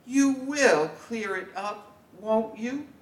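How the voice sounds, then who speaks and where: An exasperated mother nags her child in a high, insistent voice, as a man puts her on. She sounds like a character in a storybook poem read aloud. The sound is roomy and distant. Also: animated, slow. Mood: nagging.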